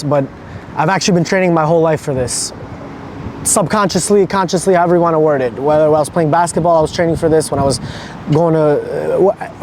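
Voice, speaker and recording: A man's voice: on the high side, a little mellow, slight background noise. A man in his twenties talking casually and earnestly to a vlog, in a motivational way with some casual swearing. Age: 20s. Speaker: vlogger, amateur runner.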